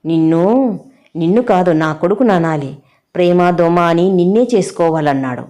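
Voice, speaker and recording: A woman's voice: lowish voice, normal speed, warm tone, natural voice. A woman doing a sarcastic scolding mother-in-law. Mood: scornful. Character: sarcastic sharp-tongued middle-aged mother-in-law.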